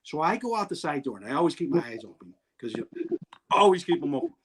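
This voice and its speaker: High-voiced guy, excitable, yells out the quotes and laughs a lot. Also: fast talker, noisy background. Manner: excitable, acts out quotes loudly, laughs often. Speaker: guest telling stories. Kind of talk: animated storytelling.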